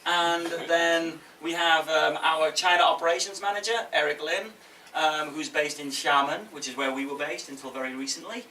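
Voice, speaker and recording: A game publisher with a sharp, fairly high voice gives a jokey, conversational conference presentation at normal speed, often checking in with the audience in an indoor event room. He sits far from the microphone, so the sound is echoey with faint noise.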